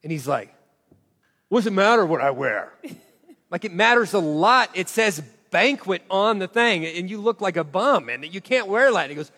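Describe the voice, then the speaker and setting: A high-voiced man in his forties tells a story from the stage, acting out every line of dialogue with self-mocking animation. His voice rings out with a long reverb through a large hall. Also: sing-song, normal speed, sharp tone. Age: 40s. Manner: acts out quoted dialogue expressively, self-mocking.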